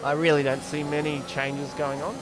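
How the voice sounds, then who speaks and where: A man's voice: fairly high pitch, flat delivery, moderate pace, background noise. A man giving casual, rambling live commentary on a sim race, often correcting himself.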